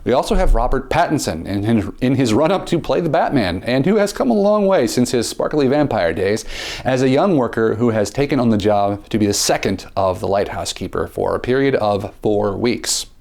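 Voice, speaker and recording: A man reads a scripted film review with theatrical flair. His pitch leaps and swoops all over, and he slows right down to stress key words. His voice sits at a middle pitch. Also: expressive, gravelly, a little mellow. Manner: theatrical, with dramatic pitch swings and slowed emphasis; repeats words at the start of phrases.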